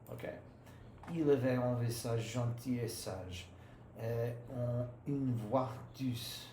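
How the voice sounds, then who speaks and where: A man reading aloud at a very slow, halting pace and often stopping to correct himself. His voice sits at an ordinary middle pitch. The room is echoey, with a faint hum of background noise. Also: a little mellow. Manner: hesitant, halting, self-correcting. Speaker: language learner reading aloud. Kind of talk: reading practice session.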